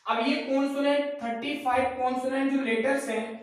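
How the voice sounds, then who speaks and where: A man's voice: extremely high pitch, steady tone, moderate pace. A man teaching a class who asks his own questions, answers them, and repeats each key point. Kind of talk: classroom lecture. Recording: very echoey room, mic far off.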